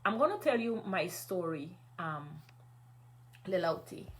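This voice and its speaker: A woman's voice: lowish voice, sing-song, a little slow, a bit bright. A middle-aged Guyanese woman hosting a live stream, chatting casually, reading viewer comments and encouraging her listeners. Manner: encouraging, motivational.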